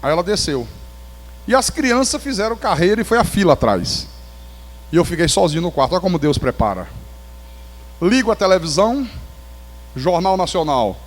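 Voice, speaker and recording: A Brazilian man preaching as a pastor, telling his testimony in an animated storytelling way with touches of humor. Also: high voice, normal speed, long pauses, in a large hall. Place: church sanctuary.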